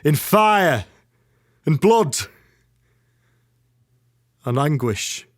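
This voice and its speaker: A man playing a grave, stern inspector who delivers a slow, solemn warning in a dramatic monologue. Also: fairly high pitch, big pitch swings, voice pushed up, heavily acted. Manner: slow, solemn, rising to forceful.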